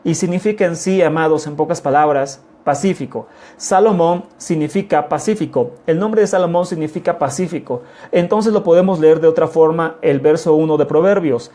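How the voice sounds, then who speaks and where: Mellow man teaching a sermon. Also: fairly high pitch. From Mexico. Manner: repeats key phrases, often calls listeners "amados"; deliberate, unhurried explanation with rhetorical questions. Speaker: congregation teacher.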